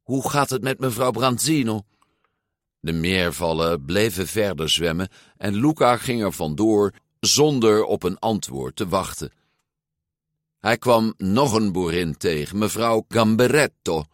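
Low-voiced male audiobook narrator, unhurried, lively intonation, dry close mic. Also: no echo. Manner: measured, expressive read-aloud. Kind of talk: storybook reading.

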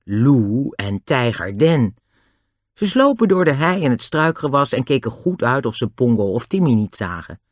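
A man reading a children's adventure story aloud, in a lively, expressive way. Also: mid-range voice, normal speed, no room sound, studio quality. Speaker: narrator. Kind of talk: audiobook narration of a children's book.

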